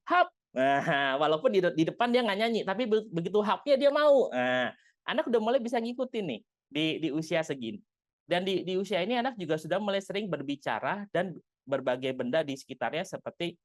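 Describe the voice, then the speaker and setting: A child development educator giving a lively educational talk to parents, often chuckling and jumping high in pitch for emphasis. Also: no echo, studio quality. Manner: animated explainer, pitch jumps high for emphasis; chatty, frequent small laughs.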